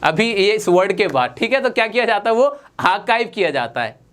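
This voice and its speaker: A man's voice: sits high, very animated, brisk, a bit bright. A man teaching English pronunciation to viewers, over-articulating each word and repeating it, quizzing his listeners. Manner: over-articulates words with a wide-open mouth. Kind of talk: spoken lesson to viewers.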